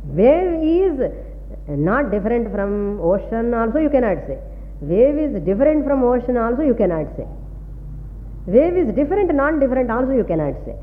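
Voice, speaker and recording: A woman's voice: fairly high pitch, sing-song, brisk. A woman with a South Indian Tamil accent teaching philosophy in a didactic way, repeating key phrases and checking understanding. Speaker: Vedanta teacher. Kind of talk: philosophy lecture mixing two languages. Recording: tinny phone-like sound, long reverb, faint hum.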